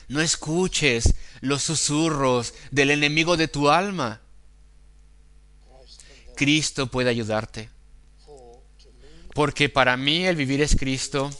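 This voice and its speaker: A man preaching a sermon, quoting scripture and acting out inner temptations, with slow, deliberate emphasis. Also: mid-range voice, fairly bright tone, smooth, dry recording.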